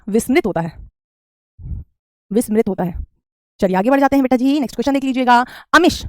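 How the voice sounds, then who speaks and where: A woman's voice: a little high, dry recording, studio quality. A woman, teaching Hindi spelling in an online class, repeating each word and calling students beta. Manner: repetitive drilling, calls students beta.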